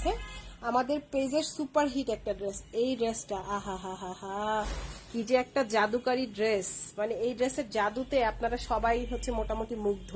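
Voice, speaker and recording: A woman's voice: sits high, slight background noise, low-quality recording. A woman hosting a live clothing sale stream, using repetitive, persuasive sales patter.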